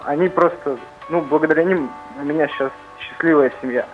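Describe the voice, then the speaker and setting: A man's voice: fairly high pitch, fairly quick, over music. A man calling in to a radio programme and giving a personal testimonial over a narrow phone line. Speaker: radio call-in guest. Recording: tinny band-limited phone line.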